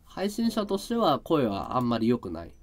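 A male live streamer in casual chat, with a high, carrying voice, explaining his audio setup. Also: huge pitch swings, moderate pace, faint music behind. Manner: chatty, explains his audio gear and voice tricks. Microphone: desk mic through an audio interface and mixer.

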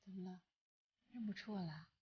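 An actress playing a calm, reassuring woman with a husky voice. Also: lowish voice, a little fast, muffled recording.

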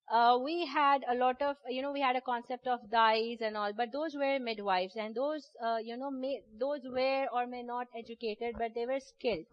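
Fairly high-voiced woman teaching a workshop. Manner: explanatory, checks understanding with frequent "okay?". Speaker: doula and childbirth educator. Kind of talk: workshop lecture. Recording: dull lo-fi recording.

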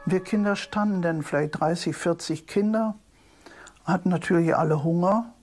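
A woman's voice: fairly low pitch, moderate pace, a little mellow. An older woman recalling her own experience as an eyewitness in a documentary interview. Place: dark interview studio.

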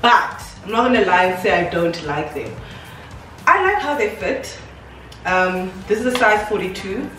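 A woman's voice: medium pitch, sing-song, normal speed, pushed and bright, recorded from a distance, a little hiss or hum. A woman, chatting casually and giggling through a try-on haul at home, talking in a loose, rambling way full of fillers. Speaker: fashion vlogger. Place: room at home with a mirror, moving around. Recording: roomy, off-mic, faint music behind.

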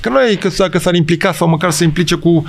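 A middle-aged man, a football coach, talking in a casual podcast interview, emphatic and rambling with frequent restarts and quick check-ins with the host. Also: high-pitched, vocal fry. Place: studio.

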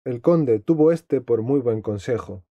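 A man narrating an old fable in an even, formal audiobook reading. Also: mid-range voice, unhurried, no room sound. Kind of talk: scripted narration. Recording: dry, slightly dull lo-fi.

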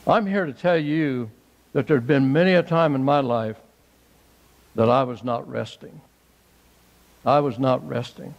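A man in his sixties, a pastor, preaching a sermon with emphatic bursts that jump up to high exclaims. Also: creaky, a little mellow, big-room sound, low-quality recording. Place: church sanctuary.

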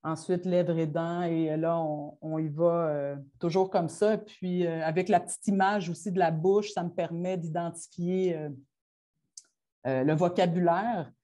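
A woman's voice: on the low side, fairly even intonation, warm tone. A woman with a Quebec French accent, a teacher presenting her classroom methods to colleagues in an informal, hesitant way with many fillers and restarts. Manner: self-described rushing delivery.

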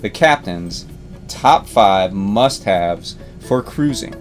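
A relaxed man in his forties talks through his favorite boat gear from the cabin, his voice sitting on the low side. He rambles easily and seems amused at himself, with faint music running under the recording. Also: takes it slowly. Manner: easygoing, rambling, self-amused. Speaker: boat captain and channel host. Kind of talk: casual product rundown. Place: inside a boat cabin with big windows.

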